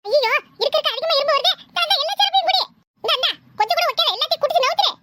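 A woman's voice: very high-pitched, expressive, racing, heavy background noise. A woman voicing a mischievous young grandson in a cartoon, teasing and sassy, with a Tirunelveli Tamil accent. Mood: pushy.

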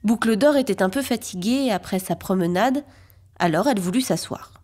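A woman narrating a children's fairy tale in a clear, expressive and rhythmic reading voice. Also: mid-range voice, moderate pace. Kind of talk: storybook narration for young children. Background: music.

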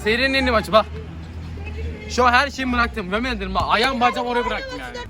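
Animated, high-voiced young man joking outdoors. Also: fast, over music, crowd noise. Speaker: match player. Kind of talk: casual post-match banter. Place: outdoor neighborhood pitch.

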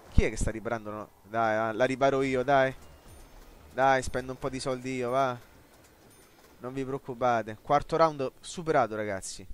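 A young man giving jokey, excited commentary while playing a game, often talking to the game and the viewers. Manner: jokey, talks to the game and viewers, bursts into high yelps. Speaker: gaming let's player.

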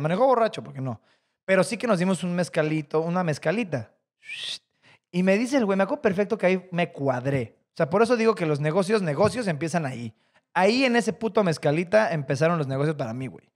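Mexican guy on a podcast, high-ish voice, slangy and animated, acts out the dialogue. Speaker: podcast co-host. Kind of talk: casual storytelling chat.

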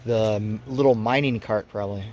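A man's voice: on the low side, fairly even intonation, brisk, a little mellow. A man chatting casually for a vlog as he films a walk outdoors. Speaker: vlogger filming a hike. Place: outdoors on a wooded trail. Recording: outdoor recording with faint ambient noise.

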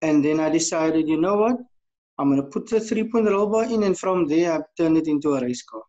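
A man's voice: fairly high pitch, lively intonation, a little fast, warm tone. A man in his thirties with a South African accent, chatting casually as an interview guest over a slightly dull video call. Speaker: podcast guest, amateur drag racer. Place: indoor room, video call.

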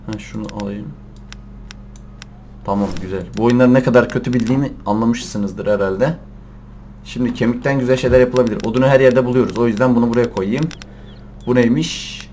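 A young man commentating a survival game in Turkish, shouting and cursing at the animals and laughing often. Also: medium pitch, fairly quick, slight background noise. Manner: excitable, swears and yells at the game, laughs often. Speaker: gameplay commentator. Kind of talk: let's play commentary.

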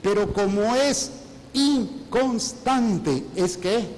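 Teasing high-voiced priest. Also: male voice, measured pace, a little mellow. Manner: teasing, asks the congregation questions and answers them himself. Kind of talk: sermon. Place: church. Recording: long church reverb.

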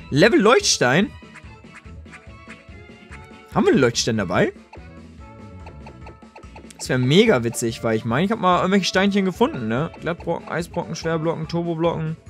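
A young man doing casual, slangy game commentary, talking excitedly to his viewers. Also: on the high side. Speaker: let's play host.

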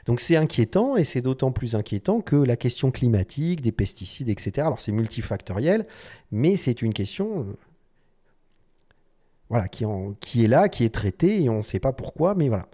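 A man's voice: mid-range voice, very animated, normal speed, dark tone. A man hosting a design video, explaining casually to the camera with many fillers and restarts.

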